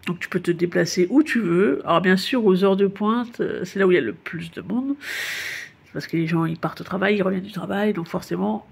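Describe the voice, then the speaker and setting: A woman from Paris, France, narrates a guided city tour, speaking casually to the listener. She's chatty and informal and laughs at her own slips. Her voice is mid-range, with vocal fry and a breathy edge.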